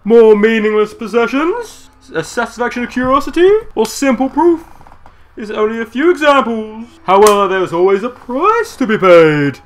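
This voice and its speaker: A man voicing a sinister, mocking old Santa Claus villain in slow, theatrical, drawn-out speech for a story. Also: extremely high pitch, lively intonation, a little hiss or hum, voice pushed up, low-quality recording. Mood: ominous.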